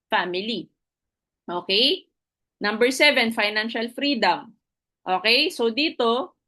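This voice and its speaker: A woman's voice: on the high side, a bit bright. A woman giving a motivational network marketing presentation. She checks in with her listeners through frequent tag questions and switches between two languages mid-sentence. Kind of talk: motivational recruitment talk with a story.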